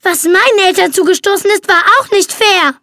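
A woman's voice: moderate pace, dry recording, studio quality, lightly acted. Justine, a woman voicing an icy vengeful young woman. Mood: shrieking. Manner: icy, mocking, shrill when enraged. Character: vengeful cold young woman, scornful and proud. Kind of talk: audiobook reading.

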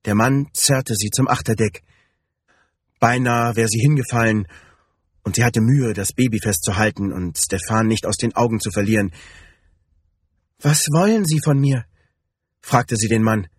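A man narrating an audiobook in a steady, even reading voice. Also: fairly low pitch, normal speed, husky, dry recording, studio quality.

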